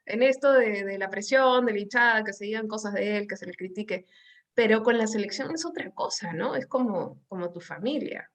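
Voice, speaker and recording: A woman's voice: mid-range voice, fairly quick. A woman hosting a conversational interview, talking in an engaged, thoughtful way with some fillers. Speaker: interview host.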